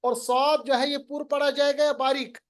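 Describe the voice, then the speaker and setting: A man teaching Quran recitation in a lesson, quizzing his student and slowly drawing out recited words. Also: very high voice, flat delivery. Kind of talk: online lesson.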